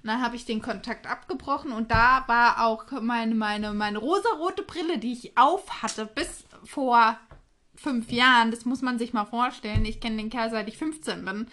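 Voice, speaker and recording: A woman around thirty with a high, bright voice talks casually on a podcast. She tells stories in a lively way, swears easily and laughs a lot. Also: moderate pace, slight background noise. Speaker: podcast co-host.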